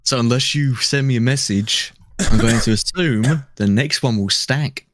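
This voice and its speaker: A man chatting as a guest commentator, thinking out loud and floating ideas with many restarts. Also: medium pitch, unhurried. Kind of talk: casual chat.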